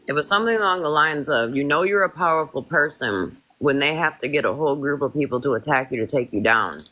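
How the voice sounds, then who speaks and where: A woman from Flint, Michigan, chatting live with blunt, heated talk. Her voice is bright and tense, and she swears freely. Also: rumbling low. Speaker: live stream host. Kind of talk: casual live chat.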